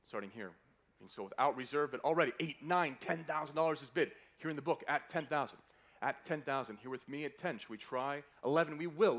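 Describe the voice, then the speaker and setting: A man's voice: medium pitch, a bit bright. A man working as a fine art auctioneer, calling a live sale with polite, courteous patter that keeps repeating the bids. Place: live auction room in a hotel.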